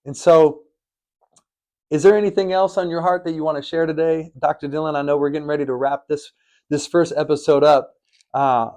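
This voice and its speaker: A man's voice: on the high side, steady tone, brisk, darkish tone. A middle-aged man co-hosting a faith podcast, telling stories in an earnest, preachy way. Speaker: podcast co-host. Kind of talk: faith-based podcast chat. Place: studio in Arizona.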